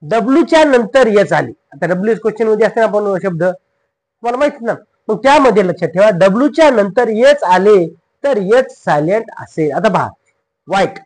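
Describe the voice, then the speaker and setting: High-voiced Marathi man teaching pronunciation. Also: animated, darkish tone, low-quality recording. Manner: drills words by repeating them, scolds mistakes playfully; spells words out slowly, letter by letter. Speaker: English teacher. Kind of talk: classroom-style pronunciation lesson.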